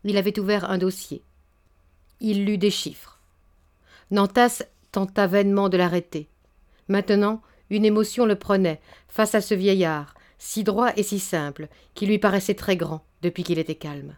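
A woman narrating a classic story aloud in a measured, even way. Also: medium pitch. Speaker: audiobook narrator. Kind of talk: scripted narration.

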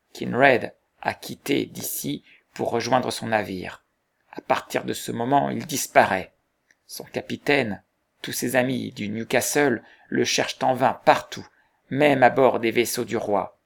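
A gruff older man, suspicious and blunt, pressing with probing questions, as a man reading the story puts him on. His voice is gravelly and of middle pitch. He stays stern and searching throughout this storybook reading. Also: a little slow.

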